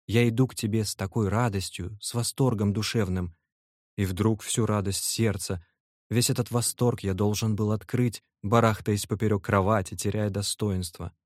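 A man's voice: on the low side, fairly even intonation, normal speed, a little mellow, no echo, studio quality, lightly acted. A man voicing a sensitive young man who talks in an earnest, heartfelt, pleading way, in an audiobook reading.

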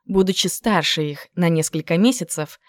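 A woman with a lowish voice narrates a novel, reading evenly and expressively. The recording is close and dry. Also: normal speed, no room sound. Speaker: audiobook narrator. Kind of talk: scripted narration.

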